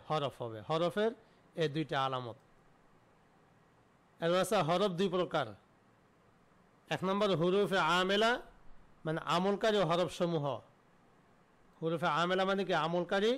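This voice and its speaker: A man's voice: high voice, clear, resonant tone. A man teaching an online Arabic grammar lesson. He asks questions and answers them himself, repeating key terms.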